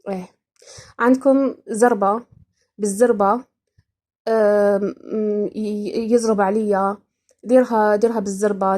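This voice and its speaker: A woman's voice: mid-range voice, darkish tone. A young woman from Iraq with an Iraqi accent, hosting a podcast and chatting casually and playfully, laughing often. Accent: Iraqi, speaking Algerian dialect. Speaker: podcast host. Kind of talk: casual explainer chat.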